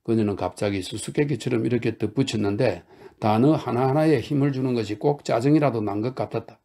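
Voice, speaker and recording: A man narrating a classic novel in a calm, steady way for falling asleep. His voice is gravelly with a dark, mellow tone, at an ordinary pitch for a man. The reading is even and unhurried. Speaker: audiobook narrator.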